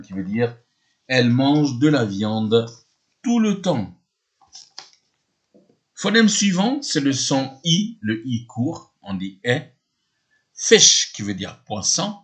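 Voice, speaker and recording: A man teaching a lesson, explaining patiently, often hesitating and repeating himself, spelling words letter by letter. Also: medium pitch. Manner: often hesitates with drawn-out fillers. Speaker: English teacher.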